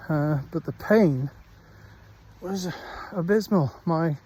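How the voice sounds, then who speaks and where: Slight background noise accompanies a middle-aged Welsh vlogger speaking into his handheld phone during a countryside dog walk. He sounds a little high with a dark tone, and his casual chat wanders slowly with many pauses.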